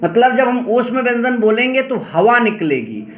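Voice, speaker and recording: A male teacher giving a lesson, repeating each definition slowly and calling on his students to pay attention. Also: very high voice, big pitch swings, lo-fi sound. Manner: addresses students directly, often says "pay attention". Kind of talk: classroom lesson explaining grammar.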